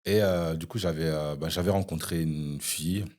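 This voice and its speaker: A young man, a podcast guest, telling an animated anecdote in casual chat, with frequent "you see" asides. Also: extremely low pitch, normal speed.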